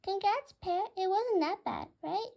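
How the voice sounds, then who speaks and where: Bluey, a chirpy little pet bird that talks about itself in third person, very high and loud, as a woman puts it on, gravelly edge. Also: a little slow, exaggerated voice. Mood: encouraging. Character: cheerful small pet bird, chirpy and simple.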